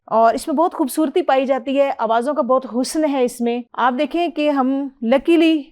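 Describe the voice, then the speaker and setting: A middle-aged woman from Pakistan teaches Quran reading, drilling letter sounds with a student. Her voice sits high with a darkish tone, and she is patient and explanatory, modeling each sound clearly and giving praise.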